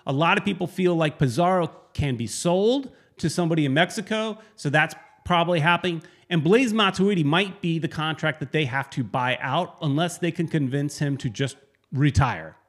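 A man co-hosting a casual sports podcast, rambling and correcting himself as he talks, with sudden animated bursts. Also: fairly high pitch, normal speed. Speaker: podcast co-host.

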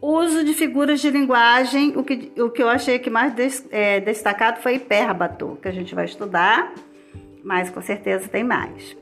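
A Brazilian woman teacher with a Brazilian Portuguese accent and a fairly high voice, talking her students through a lesson in a relaxed, chatty way. She keeps checking in with little tag questions as she goes, with faint music playing behind her. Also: normal speed. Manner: chatty, explains step by step with many "tá bom?" and "né?". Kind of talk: casual recorded lesson for students.

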